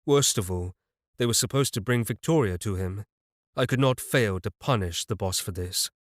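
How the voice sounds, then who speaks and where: A man's voice: on the low side, moderate pace, no room sound, studio quality. A man narrating a fantasy audiobook in the first person, telling it evenly with a wry touch.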